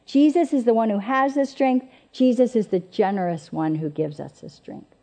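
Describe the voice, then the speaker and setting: A woman's voice: on the high side, moderate pace, dark tone. A woman giving an earnest, emphatic Bible teaching who repeats her key phrases for weight. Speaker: speaker at women's Bible teaching. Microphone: presenting from notes on a screen.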